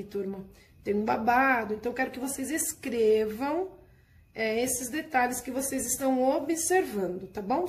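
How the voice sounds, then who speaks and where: A patient woman teacher, explaining a workbook lesson step by step to her class. Her voice sits fairly high, and she keeps checking in with the students as she goes.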